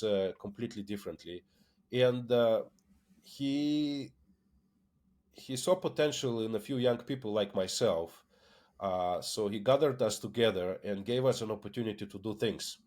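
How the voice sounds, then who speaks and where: Low-voiced man from Lithuania, halting. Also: a little mellow. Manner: hesitant, many fillers and repeated words. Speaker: tech company founder, guest. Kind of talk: casual interview conversation.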